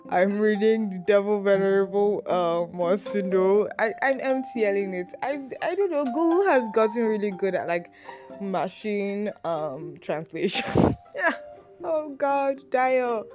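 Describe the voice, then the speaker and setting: Here a young adult Nigerian podcast host talks in a mid-range, expressive voice, taking her time as she wanders through advice. Her Nigerian-accented delivery is loose and self-deprecating, sprinkled with filler words and curses. Music sits behind a flat, lo-fi recording.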